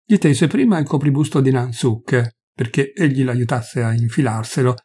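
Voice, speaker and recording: Husky male reader, mid-pitched, for a measured classic-story audiobook. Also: mellow. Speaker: narrator. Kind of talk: literary audiobook reading.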